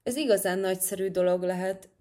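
A woman voicing a gentle young female cat with a sweet, plaintive manner. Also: mid-range voice, close to an everyday voice.

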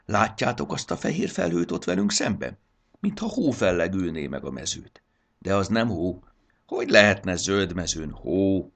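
A man voicing a helpful, cheerful talking creature that explains the way in a gravelly voice. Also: sits low, big pitch swings, fairly bright tone, exaggerated voice.

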